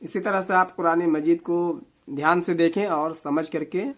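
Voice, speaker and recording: A man teaching Quran reading, spelling out letters and vowel marks syllable by syllable, with quick explanations. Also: on the high side, fairly even intonation. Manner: slow drawn-out syllable-by-syllable recitation between quick explanations. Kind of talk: spelling-out recitation lesson.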